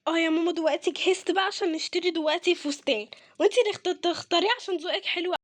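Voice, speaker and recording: A woman voicing an excited young daughter about to be engaged, with an Egyptian accent and a gushing, repetitive way of talking, in a game role-play. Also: very high voice, racing, dry recording. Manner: gushing, eager, repeats herself.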